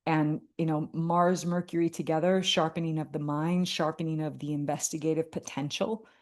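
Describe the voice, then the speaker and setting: Woman, lowish voice, earnest spiritual vlog talk, many fillers and restarts. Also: fairly even intonation, moderate pace. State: tearful at moments. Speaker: astrology vlogger. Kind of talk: heartfelt casual talk to camera.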